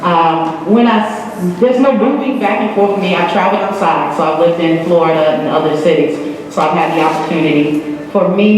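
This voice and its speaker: A man introduces himself on a community panel in a relaxed way and laughs easily. His voice echoes strongly around a large hall. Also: a little high.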